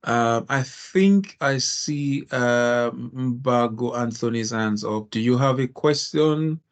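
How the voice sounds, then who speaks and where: A man's voice: mid-range voice, slow pace. A man hosting an informal meeting and handing over to participants. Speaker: meeting host.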